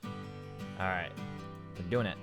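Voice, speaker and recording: A man's voice: low voice, slow, music in the background. A man rambling casually on a live stream, restarting his sentences and reading chat aloud into a desk microphone.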